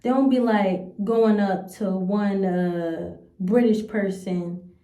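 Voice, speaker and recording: A young woman from the United States speaks slowly and earnestly, thinking aloud in a casual vlog. Her voice is mellow and warm, and the room around her gives it a noticeable echo. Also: medium pitch, steady tone. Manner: earnest, rambling and hesitant. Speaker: vlogger. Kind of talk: casual reflective commentary to camera. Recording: roomy echo.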